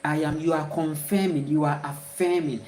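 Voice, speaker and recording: With a Ghanaian accent, a woman speaks in a low, steady voice at a moderate pace, slightly mellow, delivering a rambling spiritual monologue. She repeats herself and drops in emphatic exclamations. The rough recording sounds roomy, with a little hiss or hum.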